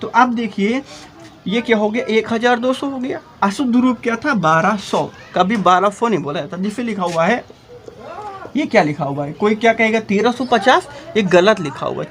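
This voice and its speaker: A man with a fairly high voice talks a class through a math rule step by step. He keeps asking rhetorical questions and tags his points with a quick "okay". A faint hum of room noise sits under his voice. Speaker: teacher. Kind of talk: explaining math to students.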